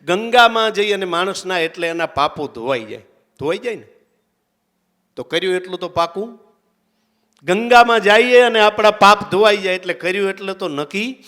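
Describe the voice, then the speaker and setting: Animated man telling a devotional tale. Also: sits high, normal speed. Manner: animated, chanting verses, voicing characters in dialogue. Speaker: religious storyteller and event emcee. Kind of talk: devotional storytelling to a live audience.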